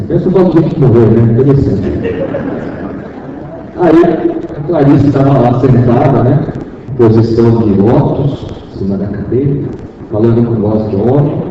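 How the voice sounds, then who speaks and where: A man's voice: mid-range voice, background noise. A male minister giving a storytelling sermon to young people, talking in a conversational way and asking the room questions. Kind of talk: storytelling sermon to a youth meeting. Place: church hall. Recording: echoey hall, distant muffled mic.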